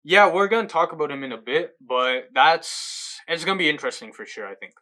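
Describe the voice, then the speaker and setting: A man's voice: on the high side, animated, a little fast, sharp tone. A man co-hosting a casual sports podcast, laid-back, trailing off in volume at the ends of phrases. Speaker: podcast co-host.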